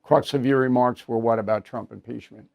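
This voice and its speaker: An older man hosting an opinion news show, bluntly interviewing guests and wrapping up with brisk, wry asides. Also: mid-range voice, fairly even intonation, creaky, muffled recording.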